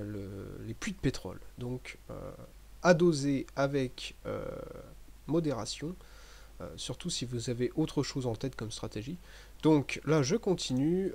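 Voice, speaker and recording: A man giving relaxed, chatty commentary over a game he is playing, with many fillers and restarts. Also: medium pitch. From French-speaking. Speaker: gaming commentator. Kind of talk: casual gameplay commentary.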